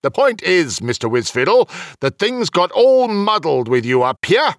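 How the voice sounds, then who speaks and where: For a fantasy audiobook, a narrator voices a stern, officious male celestial official, pitching above his own natural voice to a medium level with big pitch swings. The delivery is measured, firm, formal, and admonishing, captured with clean, echo-free studio sound.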